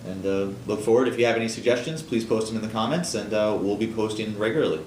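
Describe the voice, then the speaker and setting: A deep-voiced man co-hosts a small business news show, speaking loosely with frequent fillers and false starts. The room gives his voice a noticeable echo, with a faint rumble underneath. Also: a little mellow. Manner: halting, many fillers and restarts. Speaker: co-host. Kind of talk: casual news chat.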